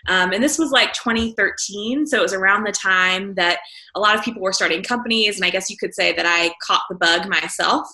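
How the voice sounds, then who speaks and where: A woman's voice: medium pitch, a little fast, bright, forceful tone, reverberant. A woman entrepreneur from the American South telling her story in a casual interview, with frequent fillers. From Southern United States. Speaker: entrepreneur guest.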